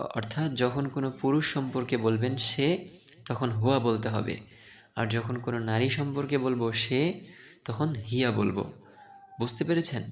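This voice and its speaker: A man teaching a beginner Arabic class, patient and encouraging, repeating words slowly for students to say back. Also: mid-range voice. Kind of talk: online language lesson.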